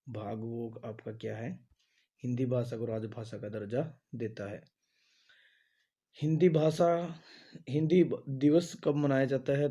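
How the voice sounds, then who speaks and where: Male tutor, exam-prep drill, very dark mellow tone, asks then repeats answers, filler-heavy delivery. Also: mid-range voice. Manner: says "आपका" and "जो है" a lot. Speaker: teacher.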